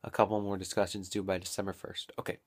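A young man vlogging casually at home, rambling and thinking out loud into a built-in camera mic. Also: low-pitched, flat delivery, fast. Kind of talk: casual daily vlog.

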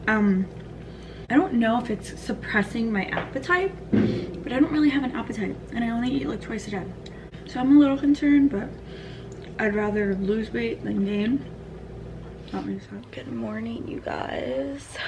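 A woman in her twenties chatting casually to camera in a vlog, sometimes dropping to a whisper. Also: on the high side. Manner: chatty, with whispered morning asides. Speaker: vlogger. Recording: noisy phone-camera vlog audio.

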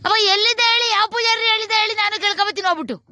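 A female vlogger with a rural southern Karnataka Kannada accent speaks in an extremely high, racing, sharp voice. She scolds people casually on the spot, firing off repeated rhetorical questions as she argues. The recording is from a live location with crowd noise behind her.

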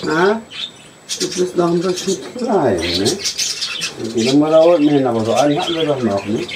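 Low, slow woman, soothing pet birds, noisy take with chirping behind. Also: animated. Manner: cooing, soothing, repeats short questions. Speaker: bird keeper. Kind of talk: coaxing talk to pet budgies. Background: chirping and squawking budgies.

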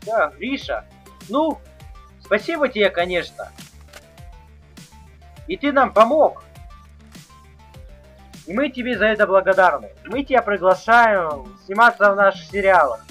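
A man's voice: sits high, very animated, unhurried, pauses often, fairly bright tone, soft background music. A man acting out and narrating an improvised video game skit.

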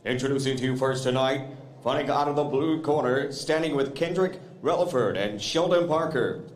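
A man working as a boxing ring announcer, stretching out the fighters' names. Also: medium pitch. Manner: drawn-out shouted fighter names. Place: convention center arena. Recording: echoey arena sound.

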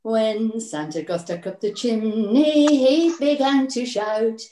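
A woman's voice: fairly high pitch, slow pace, dark tone. Cheery woman singing to kids in a roomy space. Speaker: children's singing session leader. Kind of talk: singing and speaking to children.

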